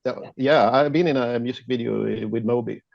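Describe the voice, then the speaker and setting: A Swedish man with a gravelly, creaky voice and a Swedish accent, speaking English as a second language as an interview guest. He talks haltingly and laughs often. The sound is dull and lo-fi, like a remote call. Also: mid-range voice, dry recording. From Sweden. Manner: hesitant, many fillers and restarts, laughs often. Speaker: guest photographer. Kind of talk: casual interview chat.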